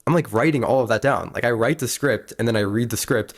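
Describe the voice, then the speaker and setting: A man's voice: mid-range voice, fast talker. A man in his early twenties hosting a podcast interview, chatting casually and eagerly, filling his speech with "like". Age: early 20s. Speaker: podcast host.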